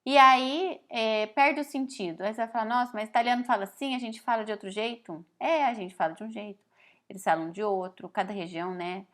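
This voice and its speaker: A woman from Brazil teaching Italian in a relaxed spoken lesson, explaining slowly, reading phrases aloud and often adding "né?". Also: fairly high pitch. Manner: frequent "né?" tag questions.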